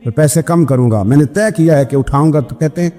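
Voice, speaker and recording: Brief: Pakistani male preacher, high-set voice, dramatic storytelling sermon, long hall echo. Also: dark tone. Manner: emphatic, voice climbs high at emotional peaks. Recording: long hall reverb with music behind.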